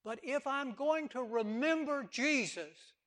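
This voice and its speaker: A man's voice: extremely high pitch, slow pace, fairly bright tone. A man preaching a sermon with passion, repeating words for emphasis and acting out quotes.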